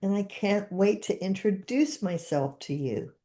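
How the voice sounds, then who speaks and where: Chatting casually on her podcast, a therapist in her seventies repeats guided phrases after her guest. Her mid-range voice is mellow and unhurried, with lively intonation.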